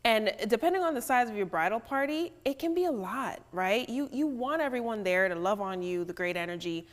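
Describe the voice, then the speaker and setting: A woman's voice: on the high side, lively intonation, a little fast, long reverb tail. A woman who works in bridal beauty, speaking as a guest in casual chat and often asking "right?". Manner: conversational, often adds "right?".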